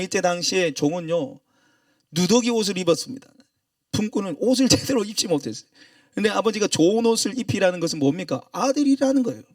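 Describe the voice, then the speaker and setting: A male pastor with a Gyeongsang Korean accent delivers a sermon, telling a story with feeling and acting out its voices. His voice sits fairly high. The recording is dry and he stands a bit away from the mic. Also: no room sound, far from the mic. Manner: emotional storytelling with acted-out quotes.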